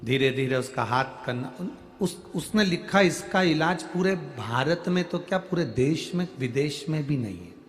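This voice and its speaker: A man's voice: a little high, expressive, a little slow, hardly any pauses. A man preaching a devotional sermon to a large crowd, reading out a letter and speaking with emotion, his voice swelling on key words. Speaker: kathavachak preacher. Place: large crowded outdoor religious gathering.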